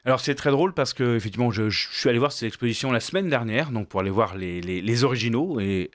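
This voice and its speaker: A man answers interview questions in a measured, searching way, pausing often and restarting his sentences. His voice sits in an ordinary middle pitch. The studio sound is dry and close. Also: animated, dry recording. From Flemish background. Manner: thoughtful, many hesitations and restarts. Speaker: guest, painter and storyboard artist.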